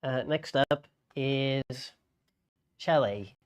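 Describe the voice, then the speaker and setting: A bingo caller with a mid-pitched voice hosts a live game in a casual, unscripted manner. The delivery is slow and halting, with frequent hesitant pauses between phrases. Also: clear, resonant tone.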